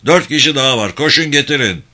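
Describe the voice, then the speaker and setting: A man's voice: medium pitch, fast talker, sharp tone, pitched above the performer's own voice. A man voicing a young soldier messenger who scolds the medics urgently.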